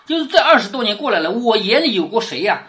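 A fast-talking woman with a mid-range, fairly bright voice and big pitch swings explains a classic novel in a lecture. She retells it in plain, conversational terms, peppering it with rhetorical tag questions on which her voice drops.

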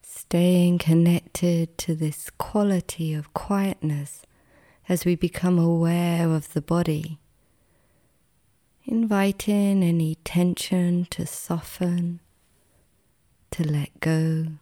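Guiding a relaxation meditation like a narrator of sleep stories, a woman speaks in a soothing, gentle way. Her voice, on the low side, is soft and sometimes breathy, holding a steady tone amid long pauses.

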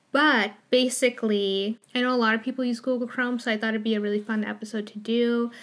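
A woman hosting a solo podcast in a fairly high voice with a clear lisp. She talks in a casual, chatty way, sprinkling in informal filler words like "like" as she goes. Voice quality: strong lisp. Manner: informal, filler-heavy with frequent "like". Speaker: podcast host.

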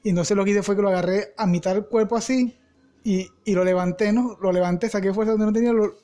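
A man's voice: high voice, steady tone, fast talker, mellow. A young man with a Venezuelan Spanish accent, telling a story in a casual podcast chat. He uses a lot of slang and acts out the people in his story. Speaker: podcast co-host.

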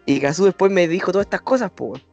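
A young man with a Chilean accent, telling a personal story in a slangy, animated way and putting on the voices of the people in it. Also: high-pitched, fast, dull audio, soft background music. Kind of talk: casual storytelling.

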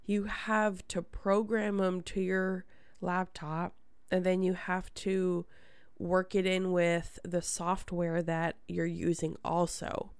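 A woman's voice: on the low side, monotone, slow, clear, resonant tone, dry recording. A woman hosting a podcast in casual chat, with a congested, nasal voice and a chatty, rambling manner. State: congested from a sinus problem. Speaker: podcast host.

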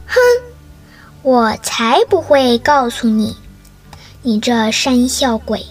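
Scornful old fisherman, read by a woman narrator, high breathy voice, very slow. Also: faint music behind. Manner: cold and scornful. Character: stern, fearless older male crab fisherman.

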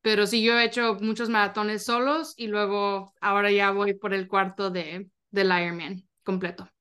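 A woman's voice: mid-range voice, flat delivery, normal speed, fairly bright tone, clean tone. A woman podcast guest chatting casually in non-fluent, with an occasional English word slipped in. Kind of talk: casual chat.

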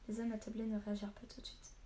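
Mellow woman narrating a tale. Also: medium pitch, a little hiss or hum. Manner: steady, measured reading. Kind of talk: audiobook narration.

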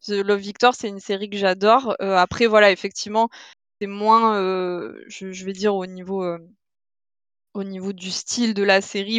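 A woman's voice: mid-range voice, smooth, no echo. A woman chatting casually on a podcast, hesitant with many fillers and restarts.

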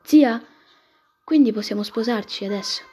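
An earnest young soldier reassures his bride in a slightly raised, husky tone, as a woman reader voices him in her own register. He sounds sincere and steady, even when he pushes back. It is a storybook reading. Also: a little high, moderate pace, soft background music. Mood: pleading. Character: young male soldier, Febo, earnest lover.

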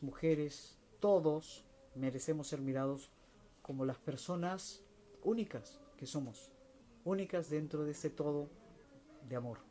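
A man with a mellow, darker voice speaks slowly and thoughtfully, often restarting and letting his sentences trail away quietly. There is a faint hiss of ambient noise behind him. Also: medium pitch. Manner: slow, searching, with many restarts and soft trailing endings. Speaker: speaker answering viewer questions. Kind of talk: reflective spiritual talk.

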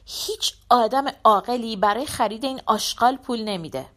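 A woman's voice: fairly high pitch, fairly bright tone, lightly acted. A woman voicing a scornful female office colleague who speaks with a sneering, dismissive manner in an audiobook story.

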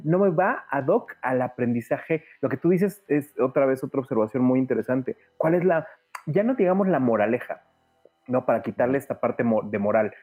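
A guest film commentator on a podcast talks at length in a casual discussion, thinking aloud with plenty of fillers. His voice is medium-pitched and mellow.

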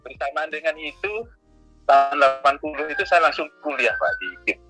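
A man's voice: on the high side, brisk, pushed and bright, faint music behind, low-quality recording. A man, a teacher answering politely in a casual interview, often affirming. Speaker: guest, teacher.

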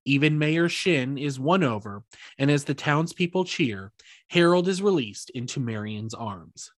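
A man's voice: mid-range voice, expressive, measured pace, no room sound. A man co-hosting a podcast, recapping a musical's plot and chatting in a wry, hedging way. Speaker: podcast co-host. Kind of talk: casual chat and plot recap.

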